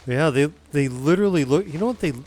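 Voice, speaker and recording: A man's voice: on the high side, expressive, fast, a little mellow. A man chatting casually while streaming a game, rambling and poking fun at himself. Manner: chatty, self-deprecating. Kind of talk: casual gaming chat.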